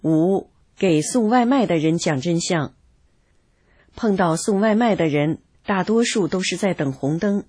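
Calm, husky older woman reading her story. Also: on the low side, unhurried, soft background music. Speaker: narrator of her own experiences. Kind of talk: read-aloud personal testimony.

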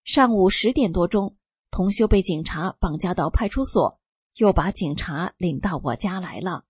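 A woman reading a first-person testimony aloud, telling it in a calm and steady way. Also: on the low side, moderate pace, slightly rough, dry recording. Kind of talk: scripted narration.

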